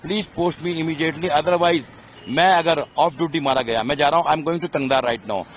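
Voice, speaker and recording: A man's voice: on the high side, takes it slowly, a little hiss or hum. A middle-aged man, an army officer, speaking in an impassioned, emphatic interview, pleading and repeating himself.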